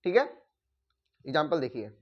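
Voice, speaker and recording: ऊँची आवाज़ वाले हिंदी शिक्षक. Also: male voice, fairly high pitch, very animated, muffled recording. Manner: repeats "ठीक है" often, dictates rules slowly. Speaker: English grammar teacher. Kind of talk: classroom-style grammar lesson.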